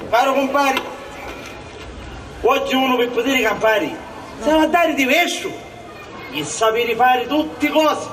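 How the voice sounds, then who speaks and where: A man acting an excitable, scheming Sicilian village barber in a stage comedy, theatrical and exclamatory, in Sicilian dialect. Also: extremely high pitch, slow pace, pauses often, exaggerated voice. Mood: boastful. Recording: echoey theatre stage, distant mic, audience.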